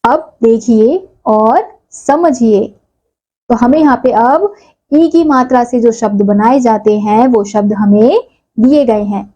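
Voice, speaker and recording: A woman's voice: a little high, takes it slowly, warm tone, low-quality recording. A woman teaching a primary school lesson, spelling words out sound by sound and lifting her voice on each answer.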